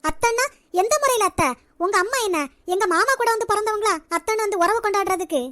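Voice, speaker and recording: A woman voicing a haughty, sharp-tongued rich young woman in a cartoon, speaking with a Nagercoil Tamil accent in a scornful, bossy way. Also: very high-pitched, quick pace, no room sound, studio quality. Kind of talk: cartoon voice acting.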